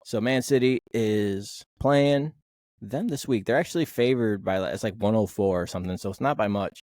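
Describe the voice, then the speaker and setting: A man's voice: on the low side, normal speed, darkish tone, dry recording, clean studio sound. A man hosting a casual sports podcast, talking bluntly and rambling, with the odd swear word. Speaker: podcast host.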